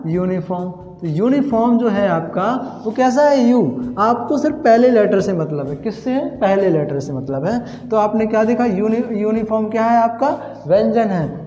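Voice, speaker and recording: Male tutor who keeps quizzing his class, mellow voice in a reverberant room. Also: high voice. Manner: repetitive, quizzing himself with questions. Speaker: English grammar teacher. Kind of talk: Hindi classroom lesson at a whiteboard. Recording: echoey room, dull lo-fi sound.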